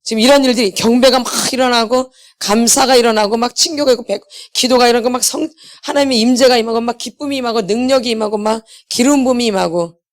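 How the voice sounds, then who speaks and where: A woman's voice: a little high, fast. Woman preaching, asking questions as she goes. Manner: asks the audience questions, answers them herself. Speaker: pastor's wife leading a healing meeting. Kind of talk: sermon.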